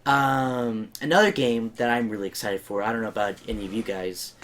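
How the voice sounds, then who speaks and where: A young man hosts a casual gaming podcast, rambling along with lots of fillers and restarts. His mid-range voice is a bit bright, fairly even in intonation, and a little fast. Faint background noise can be heard.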